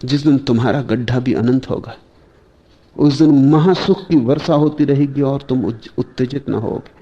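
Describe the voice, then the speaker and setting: A man giving a slow, measured spiritual discourse, pausing often and asking his listeners rhetorical questions. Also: mid-range voice, mellow, lo-fi sound. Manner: slow, measured delivery with long pauses. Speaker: spiritual teacher.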